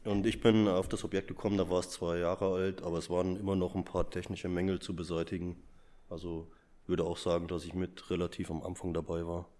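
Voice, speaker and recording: A man with a low voice answers as an interviewed school caretaker. He talks informally, in an anecdotal style. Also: flat delivery, fairly quick, mellow.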